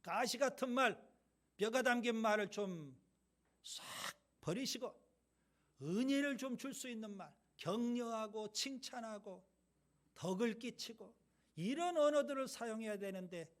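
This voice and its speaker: High-voiced male pastor preaching. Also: unhurried. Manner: emphatic scripture reading, storytelling. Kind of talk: sermon.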